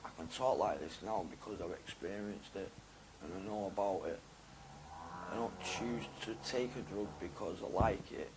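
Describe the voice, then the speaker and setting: A young man, talking candidly in an interview in a rambling, slangy way that swings from loud and animated to low and mumbled. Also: moderate pace, noisy background. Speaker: interview guest.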